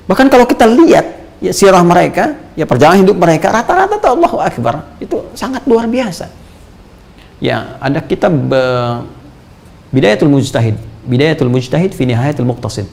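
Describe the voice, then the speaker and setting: A man from Indonesia giving a sermon lecture, animated, asking the audience rhetorical questions and leaping high in pitch for emphasis. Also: creaky. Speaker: Islamic preacher.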